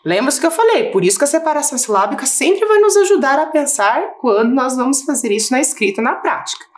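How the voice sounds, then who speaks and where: A woman teacher with a Brazilian Portuguese accent giving a recorded lesson for schoolchildren, asking questions and slowing down to spell out syllables. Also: high voice, very animated. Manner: patient, rising question-and-answer tone, slows to spell out syllables.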